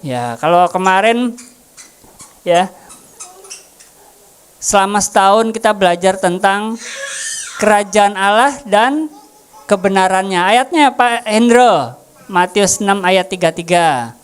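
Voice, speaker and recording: A woman's voice: medium pitch, animated, takes it slowly, long pauses, clean tone. A woman preaching a casual sermon, joking and asking the congregation questions. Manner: jokey, asks the congregation questions.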